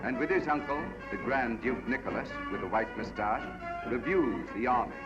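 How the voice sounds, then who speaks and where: A man's voice: medium pitch, moderate pace. A man giving dramatic, declaiming narration in the style of an old newsreel. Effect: old newsreel sound. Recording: dull archival newsreel audio over loud music.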